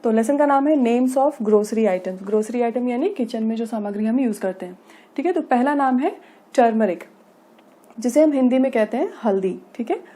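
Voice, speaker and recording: A woman with an Indian accent leads a classroom video lesson as an English trainer. She explains each point patiently and keeps checking in with the listener as she goes. Her voice sits a little high, with a dark, mellow tone. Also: animated, moderate pace. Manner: explains patiently, often adding "ठीक है" and "okay" as check-ins.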